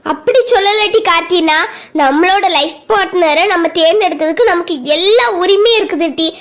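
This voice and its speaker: Woman doing a teen girl, caring but bossy, very high, bright, urgent, cartoon. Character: teenage girl, caring, bossy older sister.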